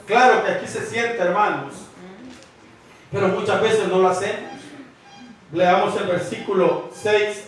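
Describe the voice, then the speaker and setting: A preacher with a high voice delivers his sermon, constantly addressing the brethren and throwing questions at them. He is recorded from a distance in a church hall with a heavy echo. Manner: repeats 'hermanos', asks the congregation questions. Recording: echoey hall from far off.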